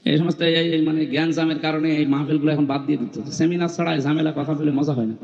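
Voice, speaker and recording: Chiding male preacher, echoing over loudspeakers. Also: a little high, steady tone, fast talker, vocal fry. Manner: chiding, humorous, emphatic. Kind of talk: Islamic sermon at an outdoor gathering. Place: large open-air evening gathering. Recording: muffled hall echo from PA.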